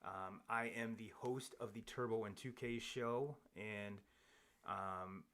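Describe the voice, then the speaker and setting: A man hosts a live sports podcast from a home studio, sitting across from his co-host. His fairly low, slow voice has a fairly bright tone, and he chats and rambles casually with lots of fillers and restarts.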